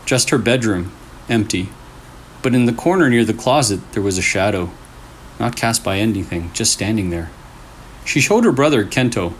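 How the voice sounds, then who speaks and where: In a low-quality recording carrying a little hiss or hum, a man with a lowish, animated voice reads scary stories at a moderate pace. He hosts the session, keeping phrases short and suspenseful and adding casual asides between stories.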